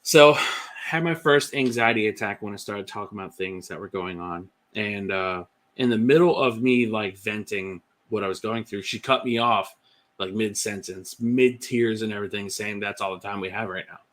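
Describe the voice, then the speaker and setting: Bright-voiced man sharing candidly. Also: lowish voice, normal speed. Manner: candid, rambling with many "like"s and "um"s. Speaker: podcast guest. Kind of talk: casual personal testimony.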